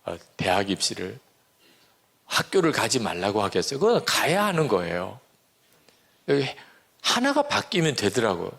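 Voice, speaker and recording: Pastor in his sixties, male, gravelly, earnest storyteller preaching a testimony. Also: on the low side, huge pitch swings, normal speed, pauses often, a bit bright. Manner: earnest storytelling, acts out quoted prayers and dialogue. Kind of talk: sermon testimony.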